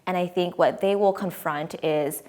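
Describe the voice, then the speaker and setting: A woman's voice: on the low side, steady tone, normal speed, dark tone. A woman in her twenties, an American-born interview guest, speaking in an articulate and enthusiastic way. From United States. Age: 20s. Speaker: interview guest, editor-in-chief. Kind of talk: conversational interview.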